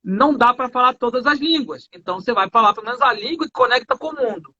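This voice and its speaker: Speaking quickly with a Brazilian Portuguese accent, a man teaches English on a live stream, emphatic and packed with slang. His voice is very high and bright with a forceful edge, and the recording is somewhat dull and lo-fi.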